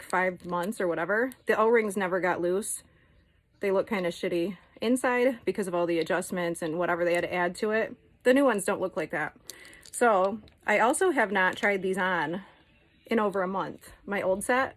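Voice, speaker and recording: A woman's voice: medium pitch, low-quality recording. A woman talking casually and frankly in a show-and-tell vlog, chatting straight to her viewers and swearing now and then. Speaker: vlogger.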